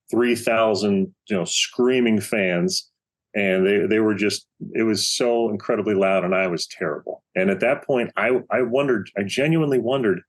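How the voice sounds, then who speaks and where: A middle-aged man, a baseball coach, telling a story as a podcast guest, acting out the quotes as he goes. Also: fairly low pitch. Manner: animated storyteller, acts out quotes. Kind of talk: storytelling in casual interview.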